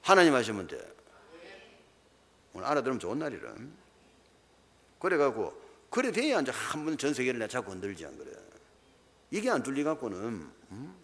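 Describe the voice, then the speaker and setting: A man's voice: medium pitch, sing-song, fairly quick, long pauses, fairly bright tone. A man with a Gyeongsang Korean accent, a pastor preaching a sermon, emphatic and constantly throwing rhetorical questions at the congregation. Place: large church hall. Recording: long church hall reverb.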